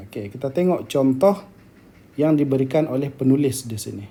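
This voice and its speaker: A man with a Malaysian accent teaching grammar in a lecture, speaking slowly, repeating key terms and often checking that students follow. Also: mid-range voice, animated, warm tone.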